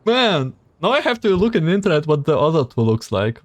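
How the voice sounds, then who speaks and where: A game streamer giving casual playthrough commentary and reading text aloud, a little haltingly. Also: medium pitch, big pitch swings, no room sound.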